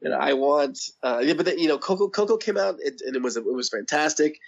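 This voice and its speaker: A man guest in a casual interview, hoarse with his voice going out, talking in a rambling, enthusiastic way. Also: a little high, lively intonation, a little fast. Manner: rambling, enthusiastic, laughs often. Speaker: podcast guest. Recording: dull lo-fi audio.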